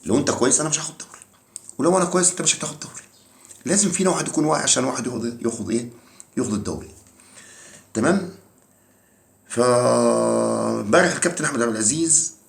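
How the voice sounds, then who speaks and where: A man's voice: mid-range voice, creaky. A man with an Egyptian accent giving a heated, teasing football rant, mocking and repeating himself for emphasis. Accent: Egyptian Arabic. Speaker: football commentary vlogger. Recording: echoey room.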